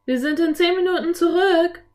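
Storybook: cautious, studious young boy, slightly high, questioning, voiced by a woman. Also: lively intonation, normal speed, close to an everyday voice. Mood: curious.

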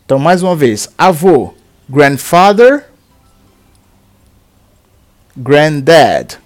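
Brazilian male tutor, slow repeat-after-me drills, slightly higher voice. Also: animated, a little mellow, faint music behind. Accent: Brazilian Portuguese. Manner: slow, deliberate drilling of words and phrases. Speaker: English teacher.

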